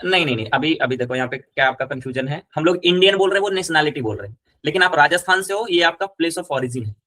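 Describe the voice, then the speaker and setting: A man's voice: a little high, lively intonation, fast talker, sharp tone, no echo. A man teaching Spanish, patiently explaining and repeating examples. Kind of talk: casual one-on-one lesson.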